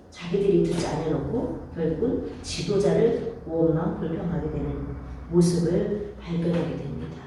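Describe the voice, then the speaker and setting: 여성 목사 설교 캐스팅: 부드럽고 따뜻한 음색, 반복과 수사적 질문, 회중에게 아멘 유도. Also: female voice, lowish voice, mellow, recorded from a distance, a little hiss or hum. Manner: repeats phrases and asks the congregation for amens; rhetorical questions to the listeners. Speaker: pastor. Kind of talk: sermon. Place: church sanctuary. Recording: very echoey church hall, voice from off-mic.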